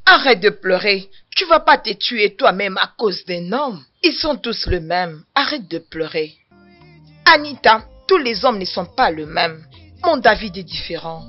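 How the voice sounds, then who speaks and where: A woman's voice: medium pitch, sing-song, unhurried. A woman dubbing an outspoken betrayed wife who scolds her husband. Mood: consoling. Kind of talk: French-dubbed film acting. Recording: dull lo-fi dub with music behind.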